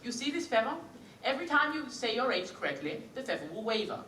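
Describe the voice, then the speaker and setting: A man's voice: very high-pitched, big pitch swings, quick pace, sharp tone, slight background noise, heavily acted. An actor playing an impatient phonetics professor in a stage musical. He lectures and repeats his corrections in exasperation. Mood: lecturing. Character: impatient male phonetics professor, brisk and bossy. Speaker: student actor. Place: school theatre stage. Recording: echoey hall from far off.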